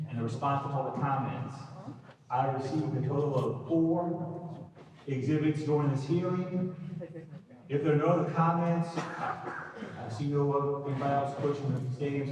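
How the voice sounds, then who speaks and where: Male hearing officer reading formal notices, distant hearing-room recording, heavy room echo. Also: mid-range voice. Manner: reads boilerplate, stumbles over words. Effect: public hearing room recording. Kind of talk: formal procedural announcements. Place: large public hearing room. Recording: echoey hall recording from far off, background noise.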